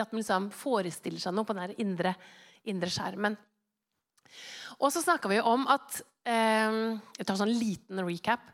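A middle-aged woman preacher telling a lively personal story in a chatty way, with many fillers, before turning to a devotional talk. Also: medium pitch.

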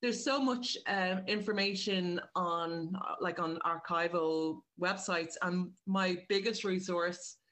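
A woman from Ireland, a writer and director appearing as an interview guest, speaks slowly with few pauses in a fairly low, steady, slightly bright voice. She chats casually about her work, drifting and correcting herself.

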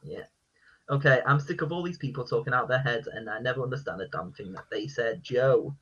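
A man hosting a casual quiz, reading out lines in a flat, deadpan voice. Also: mid-range voice, brisk, husky, lo-fi sound. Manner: reads lyrics in a deadpan voice. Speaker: quiz host.

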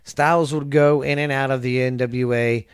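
Smooth-voiced man recapping from notes. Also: mid-range voice, fairly even intonation, no room sound, clean studio sound. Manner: halting, stumbles over names and corrects himself; chuckles at his own slips. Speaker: podcast host. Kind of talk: casual wrestling history recap read from notes.

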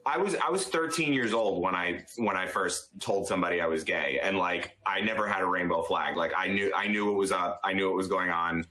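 Low, bright-toned blunt man. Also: brisk, hardly any pauses, poor audio. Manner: blunt, plainspoken, casual. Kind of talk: casual group chat.

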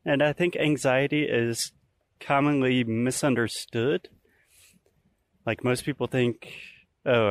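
A man in his early thirties hosting a podcast in casual, explanatory talk, recorded outdoors on a walk. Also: medium pitch. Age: early 30s. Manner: explanatory, conversational. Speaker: podcast host. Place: outdoors in nature, recorded while walking.

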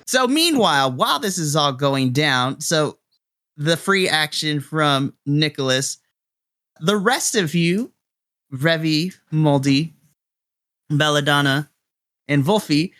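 A man running a tabletop game as dungeon master, animated and laughing often. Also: a little high.

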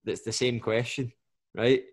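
A Scottish man hosting a casual podcast chat about coaching, talking in an animated, storytelling way and often checking "do you know what I mean". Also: medium pitch, a little slow. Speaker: podcast host and fitness coach.

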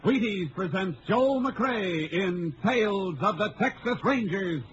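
A man delivers scripted old-time radio announcing in a high voice. The recording is muffled, with loud music behind him. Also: lively intonation, slow.

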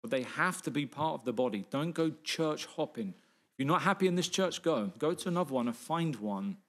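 A middle-aged male pastor preaching with a fairly high voice. He is earnest and keeps asking the congregation questions, repeating his key lines for weight. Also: expressive, fairly quick. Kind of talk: sermon.

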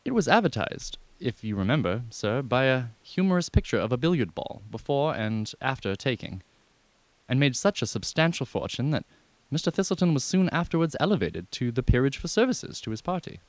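In a comic radio drama, a man plays a deferential, unflappable valet who speaks formally and at length, measured and circumlocutory. His medium-pitched voice is sing-song and discreetly persuasive, with no room sound.

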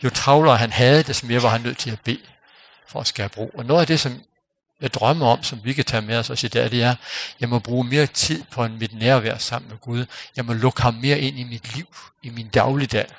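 A man delivers a sermon in a gravelly, mid-range voice. He speaks earnestly and leaves long pauses. His voice falls almost to a whisper when he stresses a point. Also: medium pitch, fairly even intonation. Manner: earnest, pausing, drops to quiet near-whisper for emphasis. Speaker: preacher. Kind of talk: sermon with closing prayer.

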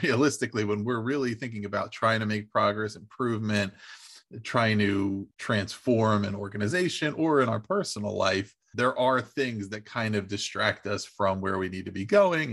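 Male podcast interviewer with a husky, fairly low voice and long, meandering questions. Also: a bit bright. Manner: long, winding questions with restarts. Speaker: podcast host.

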